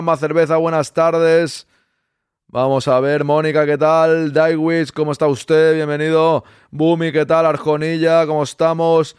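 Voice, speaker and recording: A man's voice: fairly high pitch, smooth, dry recording, studio quality. Upbeat Spanish man greeting his chat. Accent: Spanish from Spain. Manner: animated greetings, quick asides. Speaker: live-stream host reading chat. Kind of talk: casual live-stream chat.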